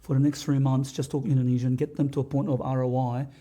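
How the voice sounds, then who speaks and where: A man speaking as a podcast guest, earnest and halting, often restarting his sentences. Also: mid-range voice, flat delivery, warm tone. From Australia. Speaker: podcast guest, business owner. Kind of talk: candid interview talk.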